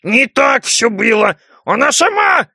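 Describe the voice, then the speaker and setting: A man's voice: very high voice, big pitch swings, a little slow, gravelly, bright, forceful tone, husky, dry recording, clean studio sound, pitched above the performer's own voice, full character voice. A man voicing a sleazy pig-snouted male mutant in an audiobook, whining and squealing in protest. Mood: indignant. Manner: whiny, squealing, indignant.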